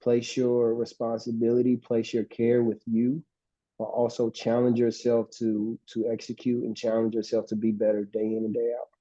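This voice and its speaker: A man's voice: medium pitch, completely flat delivery, moderate pace, warm tone, no echo. A man speaking as a guest to students, giving motivational advice in an earnest way that repeats his urgings. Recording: dull, dry, muffled mic.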